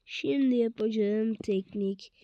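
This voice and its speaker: A woman's voice: fairly high pitch, slow pace, mellow, highs cut off. A woman giving casual gameplay commentary as a streamer, swearing constantly in short blunt exclamations and slangy street talk.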